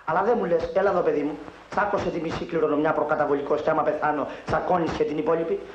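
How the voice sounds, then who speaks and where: A man's voice: on the high side, fairly even intonation, a little hiss or hum, lightly acted. Field: a man playing a glib joker. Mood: wheedling. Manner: joking, glib, mock-Italian banter. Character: wisecracking carefree young man, broke, dreaming of riches. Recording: dull, roomy 1960s film sound.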